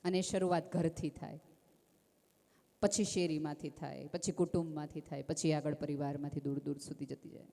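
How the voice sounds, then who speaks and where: Calm woman speaking in a big hall. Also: low-pitched, moderate pace, creaky. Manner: calm, gentle, never raises her voice; intimate, addresses listeners as friend. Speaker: speaker at a community religious festival. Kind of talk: inspirational talk with storytelling. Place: stage at a large festival gathering. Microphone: stage microphone with PA. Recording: long reverb of a large venue.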